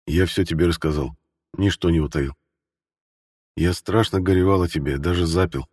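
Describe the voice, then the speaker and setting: A remorseful husband who speaks in a low, muffled and sighing way, read by a male audiobook narrator. The voice is very deep and husky, with a long reverb behind it. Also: normal speed, a little mellow, studio quality. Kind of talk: audiobook character voice.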